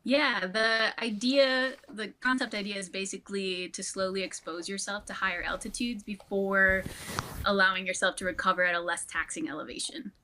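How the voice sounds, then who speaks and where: A woman appearing as a guest expert, giving measured and clear explanations. Her voice is bright and forceful. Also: medium pitch, steady tone, a little hiss or hum. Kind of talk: interview answers.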